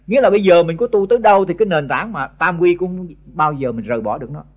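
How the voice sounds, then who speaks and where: This older monk teacher speaks fast in a high, lively voice, and the audio sounds dull. He has a Southern Vietnamese accent and preaches bluntly to monks on an old tape, scolding them and frequently stumbling over repeated words.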